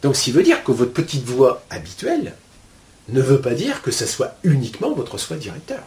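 A man's voice: medium pitch, wildly swooping pitch, moderate pace, darkish tone. A man giving a spiritual lecture at a board, colloquial and blunt, full of asides. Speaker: spiritual teacher.

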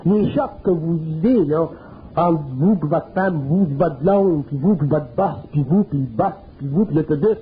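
A man's voice: on the high side, slight background noise. A man with a Quebec French accent gives a spiritual lecture in a colloquial, earthy, emphatic way. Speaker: speaker. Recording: narrow phone-like old tape.

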